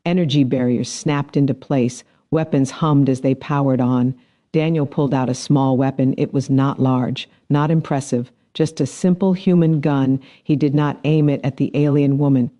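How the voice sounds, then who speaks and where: A man narrating a science fiction story in a measured, dramatic storytelling manner. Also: medium pitch, fairly even intonation, dark tone. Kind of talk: scripted narration.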